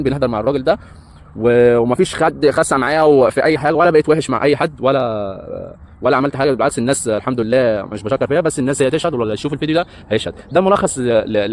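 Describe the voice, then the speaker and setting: A man's voice: mid-range voice, a little hiss or hum. A man in his thirties with an Egyptian Arabic accent, a breakdancer and hotel entertainer telling his life story in a rambling way, with lots of hesitant fillers. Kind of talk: casual life-story monologue.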